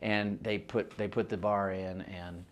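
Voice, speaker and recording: A musician interviewee in his sixties, who grew up between the US and Mexico, tells stories from the past in casual oral-history fashion, rambling, laughing often and restarting. His voice is lowish, flat and unhurried, with slight background noise.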